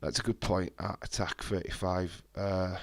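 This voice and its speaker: This wrestling watch-along streamer, sounding stuffed up from a head cold, swears freely and answers viewer messages in a blunt, casual live-stream chat. His deep voice moves at a moderate pace with fairly even intonation, and there's no echo.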